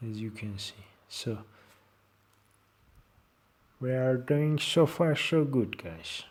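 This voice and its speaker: A man with a Turkish accent walks through an informal software tutorial. He speaks slowly, at a middling pitch, in halting and fragmented non-native English phrases. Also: lively intonation. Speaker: tutorial presenter.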